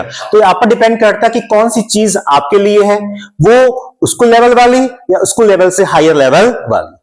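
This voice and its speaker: A man's voice: high-pitched, a little mellow, low-quality recording. A man from India teaching English grammar in a classroom-style lesson, explaining step by step and repeating terms in Hindi and English.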